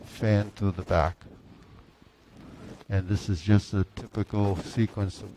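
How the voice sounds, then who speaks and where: A man teaching tai chi, calling out movement cues in calm, measured short phrases with pauses between them. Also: lowish voice, low-quality recording. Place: large mirrored wood-floored indoor studio. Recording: faint room noise.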